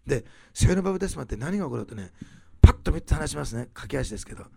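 A man preaching a sermon, rising loud on key phrases and dropping to soft, quiet asides. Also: mid-range voice, lively intonation, rapid-fire, vocal fry, husky, dry recording. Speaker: pastor.

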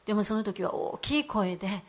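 A woman's voice: mid-range voice, brisk. A middle-aged woman giving a heartfelt church testimony in an earnest voice, with frequent hesitant fillers.

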